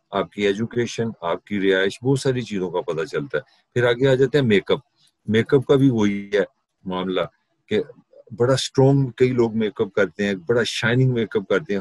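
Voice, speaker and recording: A man's voice: on the low side, dry recording. A middle-aged man with a Pakistani Urdu accent giving a university class lecture, conversational, mixing in English terms and sarcastic asides.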